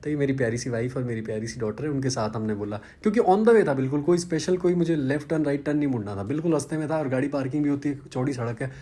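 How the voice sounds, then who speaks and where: Chatty man, mellow voice. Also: medium pitch, racing, few pauses. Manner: chatty, self-deprecating, conversational. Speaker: vlogger. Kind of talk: casual vlog narration.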